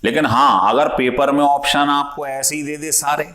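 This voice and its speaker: A man's voice: a little high, fairly even intonation, normal speed, bright, forceful tone. A male chemistry teacher lecturing in a classroom style, explaining step by step and asking his students questions as he goes. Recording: echoey room.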